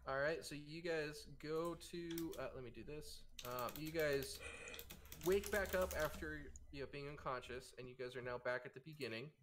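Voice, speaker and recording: A man running a casual tabletop game as game master, speaking haltingly as he searches for words. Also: fairly high pitch, noisy background.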